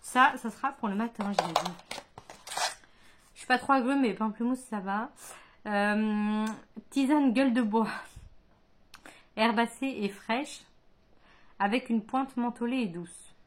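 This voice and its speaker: A woman's voice: on the high side, unhurried, pauses often. A woman chatting casually in a book vlog, hesitant and thinking aloud, full of fillers and restarts. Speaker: book vlogger. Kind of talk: casual chat.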